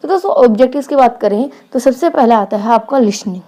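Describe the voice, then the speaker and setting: Woman, teacher, online lecture, slightly high voice, warm mellow tone, explanatory. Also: expressive. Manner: explanatory, reads English phrases slowly then explains.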